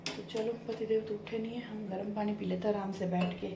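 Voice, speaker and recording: Whispering to avoid waking her sleeping husband, a vlogger in her thirties with a Rajasthani Hindi accent chats with viewers as she does her household chores. Her medium-pitched voice is creaky, fairly quick and fairly even in intonation, with background noise behind it.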